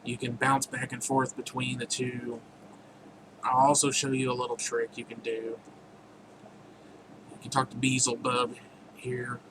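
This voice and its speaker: A man's voice: medium pitch, monotone, unhurried, long pauses. A man casually walking through his own game, rambling with jokey asides, over a noisy recording. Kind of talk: casual gameplay commentary.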